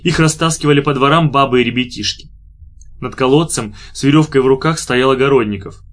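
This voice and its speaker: A man reads an audiobook aloud from a script, his medium-pitched voice measured and even.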